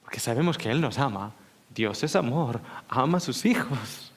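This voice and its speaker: A male pastor preaching a sermon as heartfelt personal storytelling, often dropping to hushed whispers before speaking up with emphasis. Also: mid-range voice, animated, moderate pace. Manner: shifts between hushed whispers and louder emphatic speech.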